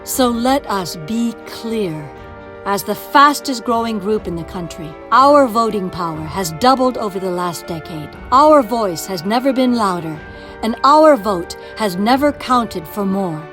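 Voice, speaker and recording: Woman, scripted voice-over, emphatic, mid pitch, faint music behind. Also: fairly bright tone. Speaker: narrator of campaign video. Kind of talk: scripted rallying narration.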